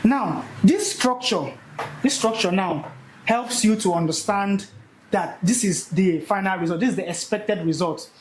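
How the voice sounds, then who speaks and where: Young man, energetic classroom teacher, repeats key points, echoey room recording, faint background noise. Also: high-pitched, a little slow. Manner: animated, repeats key words for emphasis. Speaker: speaker teaching a live session.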